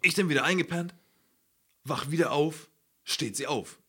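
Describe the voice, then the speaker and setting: Speaking at normal speed with a slightly high, fairly bright voice that has a breathy edge, a young man on his podcast recounts a story to friends. He's loose and slangy, curses a lot, and keeps dropping "Alter" and "Digga."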